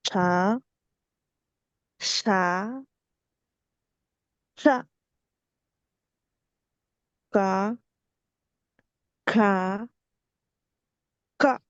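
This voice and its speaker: A woman student sounds out syllables very slowly, one after another. The audio is dry and dull, like a lo-fi connection. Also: medium pitch, clear, resonant tone, dry recording. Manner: slow, careful repetition of single syllables.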